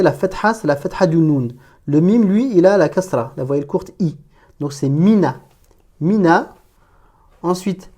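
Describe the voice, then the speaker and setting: A woman's voice: deep voice, dark tone. A woman teaching an Arabic reading lesson, patiently reading word by word and explaining pronunciation.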